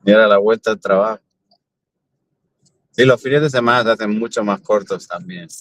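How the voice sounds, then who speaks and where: A man's voice: on the low side, moderate pace, no room sound, rough recording. Chatty man with a Spanish accent. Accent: Peninsular Spanish. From Spain. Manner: chatty, asks many questions. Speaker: host. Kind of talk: casual chat. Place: car on a drive.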